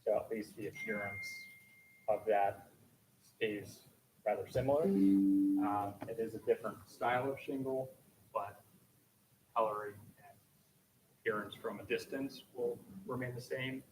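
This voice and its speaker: A man, a contractor, presenting options at a public meeting in a casual, halting way. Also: on the low side, fairly even intonation, a little mellow. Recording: distant mic with room noise.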